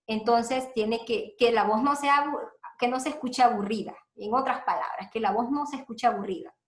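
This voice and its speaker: A Honduran woman teaches a seminar, walking listeners through each step and circling back to repeat her points, with frequent "eh" pauses. Her voice sits a little high. The room around her is echoey. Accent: Honduran Spanish. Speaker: teacher giving a seminar talk. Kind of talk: instructional talk on recording radio audio.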